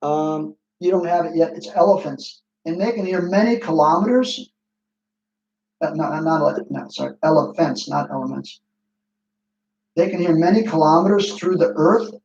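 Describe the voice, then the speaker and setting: Male science teacher, chatty and quizzing, high voice, roomy dull online-class audio. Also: normal speed, darkish tone, a little hiss or hum. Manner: playful, chatty, quizzes students by name. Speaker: physics teacher.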